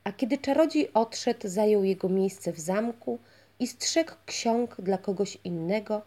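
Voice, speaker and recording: A woman calmly reading a children's fairy tale aloud as the storyteller. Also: medium pitch, unhurried. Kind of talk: scripted narration of a children's tale.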